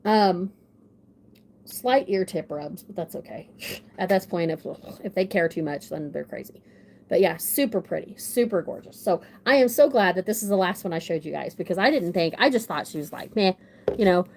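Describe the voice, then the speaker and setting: Excitable woman, casual livestream host, gushing and scattered. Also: fairly low pitch, moderate pace, a little hiss or hum. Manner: gushing, excitable, rambling with many restarts. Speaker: model horse collector hosting a livestream.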